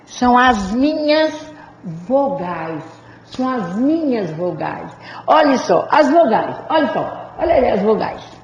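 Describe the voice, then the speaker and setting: A woman teacher giving a grammar lesson, who draws words out slowly to stress their syllables and calls her students "gente" and "amores". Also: a little high, very animated. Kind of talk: classroom lecture for exam prep. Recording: echoey hall, dull lo-fi sound.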